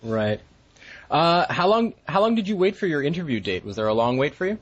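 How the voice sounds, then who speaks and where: A man's voice: fairly high pitch, very animated, brisk, husky, muffled recording. A man interviewing a guest, asking brief prompting questions and giving short replies.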